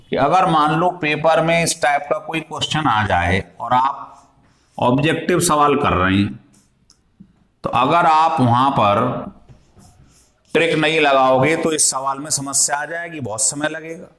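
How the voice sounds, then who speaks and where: Speaking a little high and a little slowly, this male chemistry teacher explains things one step at a time in classroom fashion, pausing to quiz his students. Crowd noise can be heard, and the room echoes.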